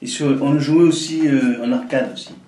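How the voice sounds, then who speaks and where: A man's voice: medium pitch, steady tone, normal speed, dark tone. A man with a southern French accent, casually reading out game titles and adding nostalgic remarks. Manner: reads game titles aloud, nostalgic asides. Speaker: flea market seller co-host. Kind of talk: casual live unboxing chat. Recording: echoey room, far from mic, noisy.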